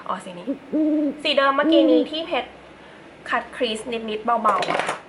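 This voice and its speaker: A woman's voice: a little high, animated, moderate pace, noisy background. A young woman chatting casually through a makeup tutorial, with playful asides to her viewers. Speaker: beauty vlogger.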